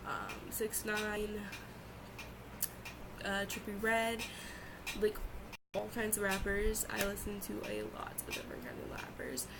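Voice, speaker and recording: A young woman chatting informally and haltingly in a confessional vlog, repeating words for emphasis. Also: mid-range voice, creaky. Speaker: vlogger. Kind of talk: casual confessional vlog chat. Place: bedroom at home. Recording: loud fan noise in room. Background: two loud fans running.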